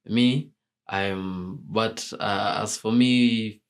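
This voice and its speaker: A man's voice: fairly low pitch, steady tone, very slow, smooth. A young man from Kenya answering radio interview questions about his music, with many fillers and restarts. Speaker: musician guest.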